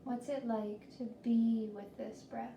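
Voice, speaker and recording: In a guided body scan meditation, a woman with a fairly high, even voice speaks gently and soothingly, leaving long pauses between slow phrases. The lo-fi recording sounds roomy and distant, with faint noise.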